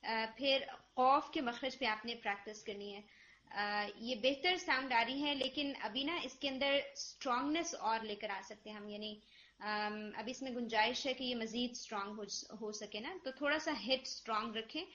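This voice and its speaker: A woman teaching Quran recitation online, gently correcting a student's pronunciation and modeling the sounds slowly. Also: a little high. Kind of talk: online tajweed feedback. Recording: lo-fi online call audio.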